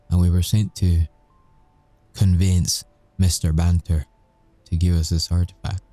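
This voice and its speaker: A deep, dark male voice, recorded close and dry with no room sound, brings a brooding, flirtatious werewolf ex-agent to life in an intimate audio roleplay. The acting is light, and he confesses wearily in halting phrases with deliberate pauses.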